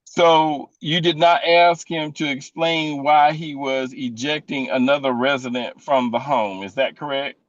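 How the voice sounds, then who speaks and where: Man, defense attorney, slow deliberate delivery, pressing questions, dull dry audio. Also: fairly high pitch, steady tone, no echo. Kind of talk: courtroom cross-examination.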